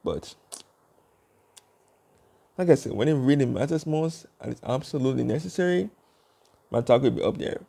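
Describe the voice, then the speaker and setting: A young man vlogging alone to his channel, his voice dark and mellow with a gravelly rasp at the edges. He rambles through fillers and restarts. He tries to keep his pace slow and deliberate. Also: medium pitch, animated. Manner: working to speak slowly and deliberately. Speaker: YouTube vlogger. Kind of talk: casual vlog monologue.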